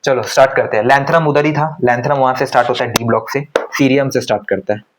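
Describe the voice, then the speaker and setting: A man teaching chemistry in a casual lecture style. He talks conversationally and keeps firing quick questions at students, then answers them himself. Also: mid-range voice, fairly even intonation, a little hiss or hum, poor audio. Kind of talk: classroom lecture.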